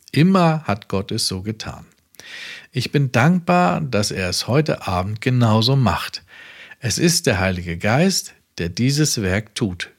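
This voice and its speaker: A man reading a sermon aloud in German, measured and emphatic, with rising stresses. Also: medium pitch. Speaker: preacher.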